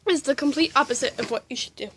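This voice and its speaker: High-voiced indignant teenage girl vlogging. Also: fast talker, fairly bright tone, a little hiss or hum. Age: teens. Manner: rambling, indignant, with quoted exchanges. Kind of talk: casual vlog storytelling.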